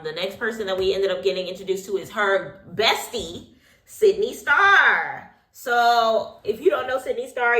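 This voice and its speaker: A woman's voice: mid-range voice, pushed and bright, echoey room. A woman hosting a casual reality TV recap while getting ready, talking in a sassy, opinionated way full of slang and asides. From Haitian heritage.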